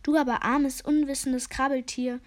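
A woman voicing a gloomy, self-important old male raven sage with a croaking voice and a grave, solemn way of speaking. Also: sits high, level tone, moderate pace, voice pushed up, lightly acted. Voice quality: croaking, rasping.

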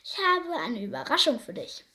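A woman voicing a friendly male pelican in a children's storybook, speaking heartily and a little louder than her usual voice. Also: high-pitched, big pitch swings, normal speed, exaggerated voice. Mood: hearty. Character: friendly, chatty male pelican bringing a fish.

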